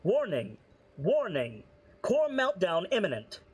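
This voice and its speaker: A man, the game master, voicing a clipped robotic custodian drone in flat machine-like announcements. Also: high-pitched, slow pace, husky, heavily acted. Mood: alarmed.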